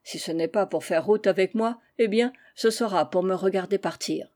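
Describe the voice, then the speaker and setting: A proud old village tailor speaks with stubborn, emphatic resolve, as a woman reads him aloud. The tone is mellow and warm. He sounds like a figure in a storybook reading. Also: mid-range voice, normal speed, natural voice. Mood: determined.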